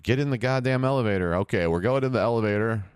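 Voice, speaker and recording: A man casually narrating his video game play to himself, rambling, swearing and getting loud during fights. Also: on the low side, fast, clear, resonant tone, no echo, studio quality. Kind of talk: casual let's-play commentary. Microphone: headphones on, close podcast mic.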